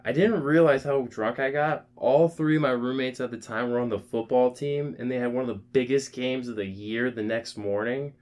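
A man's voice: medium pitch, steady tone, moderate pace, few pauses, darkish tone. A young man telling a rowdy party story on a podcast, profane and rambling, with lots of "like" and "man.". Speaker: podcast co-host. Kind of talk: casual storytelling chat.

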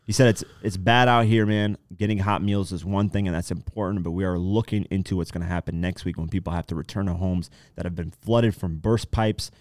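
A man's voice: low-pitched, fairly even intonation, a little fast, hardly any pauses, a little mellow, no room sound, studio quality. A man co-hosting a casual chat, talking in slangy, profanity-laced language and repeating his points for emphasis. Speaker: podcast co-host. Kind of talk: casual chat about news and business.

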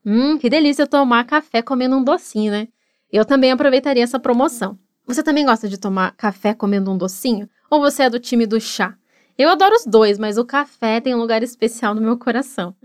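Woman, Brazilian Portuguese accent, English teacher, encouraging, high-pitched, smooth clear tone. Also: dry recording, clean studio sound. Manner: encouraging, slow model repetitions. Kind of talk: English lesson for Portuguese speakers.

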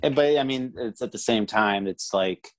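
Low-voiced man rambling through a movie review. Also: moderate pace. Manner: rambling, many restarts and fillers, laughs often. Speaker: podcast co-host. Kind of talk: casual movie review chat.

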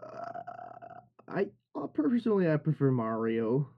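A young man chatting in a group call, rambling and joking, his words wandering through fillers and restarts. His voice sits at an ordinary middle pitch. The audio is a little muffled and dull. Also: wildly swooping pitch, measured pace, gravelly. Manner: rambling, jokey, lots of fillers. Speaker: voice actor. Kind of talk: casual group chat.

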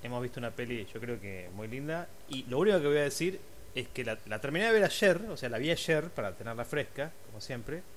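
A man's voice: medium pitch, lively intonation, brisk. An Argentine man chatting casually as a panelist on a podcast. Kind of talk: casual chat. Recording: faint background noise.

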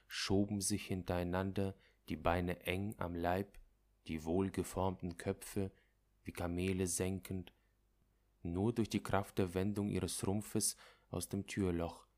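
Narrating a literary story for an audiobook, a man with a very low, darkish voice reads with measured, dramatic pacing. He lets the first-person tension build line by line.

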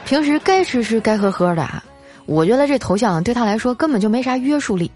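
A woman telling funny family stories in a lively, teasing, chatty manner. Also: a little high, fast talker, faint music behind. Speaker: storyteller. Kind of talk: comedic storytelling.

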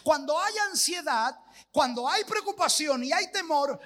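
A man's voice: very high voice, animated, unhurried, sharp tone. A man preaching a sermon as pastor, leading the congregation to repeat after him. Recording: long reverb of a church hall.

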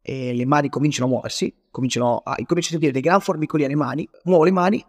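A young man from Naples, an interview guest, telling a personal story in a rapid, animated way, often correcting himself. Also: a little high, no echo, studio quality. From Naples, Italy.

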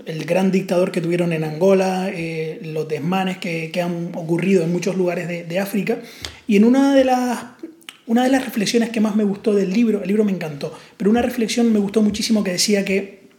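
High in pitch yet somewhat dark in tone, a podcast co-host from the Canary Islands shares stories in a reflective, halting way with fillers. He speaks with a Canarian Spanish accent in casual conversation, recorded with an echoey room sound.

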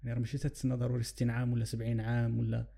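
A man's voice: mid-range voice, monotone, racing, creaky, mellow. A man with a Moroccan Arabic accent reflecting on religion in conversation, illustrating with examples and mixing in English phrases. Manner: mixes English phrases into his speech.

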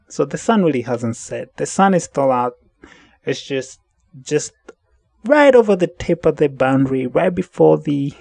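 Rambling man with a gravelly voice. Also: mid-range voice, a little mellow, dry recording, studio quality. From central United States. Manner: rambling, self-correcting, thinking aloud. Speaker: podcast host. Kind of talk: casual solo monologue. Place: at home in the evening.

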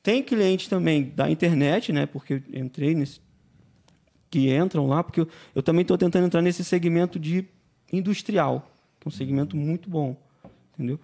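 A man's voice: fairly high pitch, normal speed, gravelly, mellow. A man with a Brazilian accent, a painting business owner who is a podcast guest, talks casually as a chatty storyteller who keeps tagging his sentences with "né?". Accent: Brazilian Portuguese. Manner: chatty storyteller, constantly adding "né?".

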